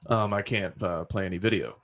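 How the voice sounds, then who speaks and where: A man's voice: sits low, a little fast, fairly bright tone. A young man co-hosting a podcast, crude and teasing, swearing often in casual chat. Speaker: podcast co-host and editor.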